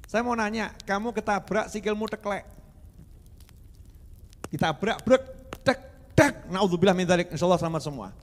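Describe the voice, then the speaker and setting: Man, sermon, animated preaching, fairly high voice, long hall reverb. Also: moderate pace, long pauses. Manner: animated, switching into Javanese and acting out prayers.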